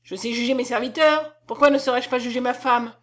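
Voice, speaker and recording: A woman's voice: fairly high pitch, fairly even intonation, brisk, close to an everyday voice. A woman voicing a pompous, self-righteous young count. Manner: stiff, self-righteous, shouts orders.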